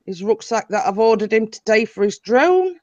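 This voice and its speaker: A woman's voice: fairly high pitch, very animated, moderate pace, darkish tone, highs cut off. A woman co-hosting a casual live stream, chatty and reading out viewer comments.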